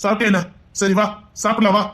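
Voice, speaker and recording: A man's voice: high voice, level tone, fast talker, fairly bright tone. A man playing a stern young fiancé who gives firm, commanding orders.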